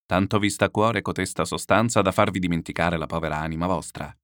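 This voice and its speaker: A man doing a grave, gentle older moralist. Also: low voice, smooth, no room sound, studio quality, voice pushed down. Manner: slow, grave, quietly reproachful. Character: calm pious older man, gently admonishing.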